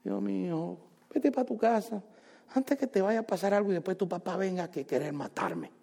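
A man's voice: sits high, sing-song, moderate pace, gravelly, warm tone, exaggerated voice. A man doing an exasperated old king. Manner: exasperated, dismissive. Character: weary older male king, exasperated.

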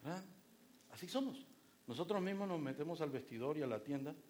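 Man preaching a sermon, lively storyteller, fairly high-pitched, bursts of shouting. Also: brisk, a little hiss or hum. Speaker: pastor.

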